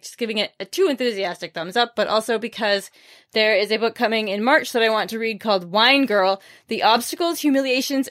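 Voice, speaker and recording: A woman's slightly high, fairly bright voice carries her podcast, where she reviews books casually and informally. Wry, understated asides pepper her recommendations.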